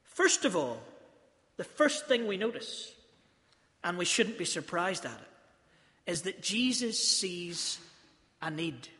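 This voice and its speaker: A man preaches a sermon, earnest and emphatic, leaning into his stories. His voice sits high and bright. The church around him rings with a long echo. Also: big pitch swings, slow pace, long pauses. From South Africa. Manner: earnest, storytelling, emphatic phrasing.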